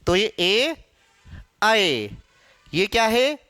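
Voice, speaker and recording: A man teaching a classroom lesson in a high, lively voice. He speaks slowly and clearly with a bright, crisp tone. He poses questions, answers them himself, and repeats sounds aloud as drills. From India. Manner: drills pronunciation aloud, asks and answers his own questions. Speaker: Hindi teacher. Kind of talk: classroom lecture.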